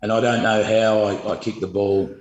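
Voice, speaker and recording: Low-voiced Australian man in an echoey room. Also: little pitch movement, normal speed, muffled recording, slight background noise. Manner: rambling, laid-back, many fillers. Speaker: guest, former footballer. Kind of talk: storytelling interview.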